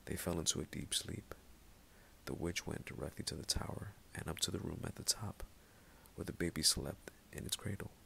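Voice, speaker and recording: A man narrating a bedtime story in a calm, soft, often half-whispered reading. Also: low voice, moderate pace, creaky.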